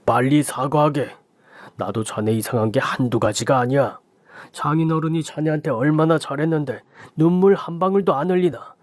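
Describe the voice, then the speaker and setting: A man's voice: fairly high pitch, normal speed, no echo, lightly acted. A narrator doing a stern, lecturing older man. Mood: reproachful. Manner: lecturing, reproachful. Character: older family friend, stern and reproachful.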